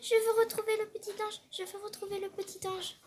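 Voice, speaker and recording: A woman voicing an eager, brave little boy in a storybook, asking high, breathless questions. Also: level tone, brisk, a little mellow, slight background noise. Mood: determined.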